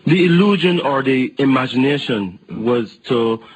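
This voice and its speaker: A man's voice: mid-range voice, expressive, measured pace, husky, low-quality recording. A man from Barbados, a guest on a radio interview, who talks hesitantly and repeats words.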